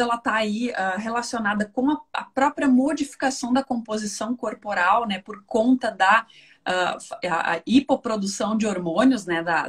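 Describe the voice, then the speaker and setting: In a live online talk, a guest nutritionist with a southern Brazilian accent explains things in a chatty, conversational style, repeating herself for emphasis and tossing in tag questions often. Her voice is husky and medium in pitch.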